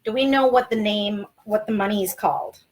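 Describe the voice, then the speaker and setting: In a small city apartment, a woman from Sri Lanka in her thirties teaches her young children over a relaxed livestream, patiently putting questions to them. She speaks at medium pitch and a little fast.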